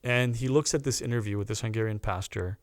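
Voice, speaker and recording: A man, a guest on a podcast, telling a personal story in a casual, animated way, often stopping to restart a phrase. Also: fairly low pitch, quick pace, clear, resonant tone, no room sound. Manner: animated anecdote teller with restarts.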